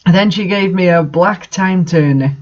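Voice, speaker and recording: The host of a bad fanfiction reading series, this man has a high voice and reads a little slowly, with the highs cut off from the recording. His delivery is amused and comedic, laced with his own commentary and frequent laughter.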